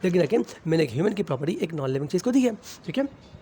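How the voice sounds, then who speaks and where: This young man teaches with great energy, talking fast in a high, warm voice and a Pakistani Urdu accent. He explains the lesson to his students with English terms sprinkled in, saying "theek hai" again and again, over slight background noise.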